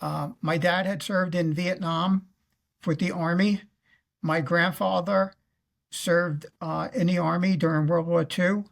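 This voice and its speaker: A man in his fifties from Queens, New York, with a New York accent and a notably creaky, gravelly voice that is also high and steady in tone. A retired federal law officer and navy veteran, he recounts his career as an interview guest over a video call from a room, speaking in halting phrases with frequent pauses.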